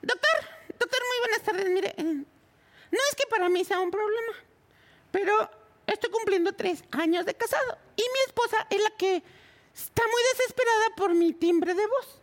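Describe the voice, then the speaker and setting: A man with a Mexican accent voicing a shy grown man with a squeaky, doll-like falsetto that turns whiny and pleading. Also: moderate pace, a bit bright. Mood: earnest. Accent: Mexican Spanish.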